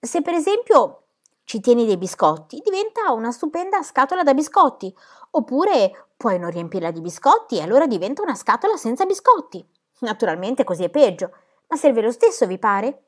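A brash, cheerful storybook girl who boasts and exclaims, as a woman reads her out. Her voice sits high and leaps about with lively swings. She sounds fearless and pleased with herself. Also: moderate pace. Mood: bold, cheery. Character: bold cheerful girl, boastful tall-tale teller.

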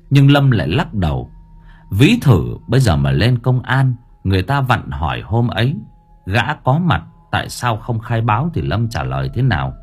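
A man narrating a scripted audiobook story in an expressive storytelling manner. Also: fairly low pitch, slightly rough.

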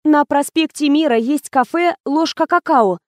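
Trembling frightened young woman, read by a woman, high and hesitant, audiobook. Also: moderate pace, no room sound, studio quality, natural voice. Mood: nervous, frightened. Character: nervous young woman makeup artist, frightened, hushed.

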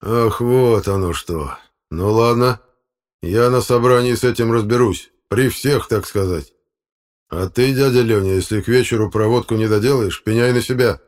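A man's voice: medium pitch, moderate pace, voice pushed up, natural voice. A man voicing an irate, indignant village council chairman who makes threats. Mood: threatening.

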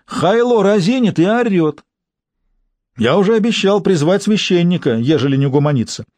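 A man's voice: high-pitched, animated, normal speed, darkish tone, no echo, pitched above the performer's own voice. A man reading an audiobook, voicing a boorish middle-aged husband who talks in a coarse, folksy, griping way.

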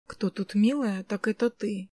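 A woman voicing a gentle, teasing young man who is an older brother in an audiobook, speaking softly. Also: medium pitch, unhurried, dry recording, natural voice. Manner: soft, teasing.

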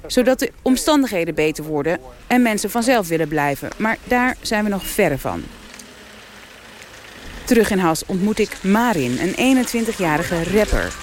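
A woman's voice: medium pitch, expressive, moderate pace, a little hiss or hum. A woman correspondent narrates a scripted radio report. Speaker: foreign correspondent.

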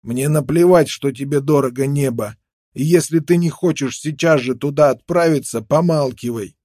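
A man's voice: a little high, normal speed, mellow, no echo, studio quality, voice pushed up, close to an everyday voice. A man voicing a menacing, contemptuous young frontiersman with a knife, snarling threats in an audiobook. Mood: threatening.

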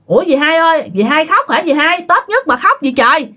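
A woman's voice: high-pitched, sing-song, brisk, sharp tone, voice pushed up, exaggerated voice. A woman doing a nosy, startled young villager. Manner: surprised, curious questions.

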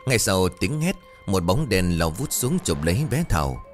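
A man's voice: deep voice, very animated, normal speed, faint music behind. A man narrating a horror story in a dramatic, suspenseful way.

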